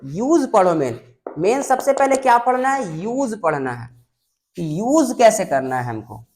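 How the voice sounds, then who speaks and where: A woman's voice: medium pitch, big pitch swings, measured pace, a little mellow. A woman teaching English grammar in a classroom lesson, patiently repeating and drilling sentence patterns. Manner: patient, addresses students as "babu".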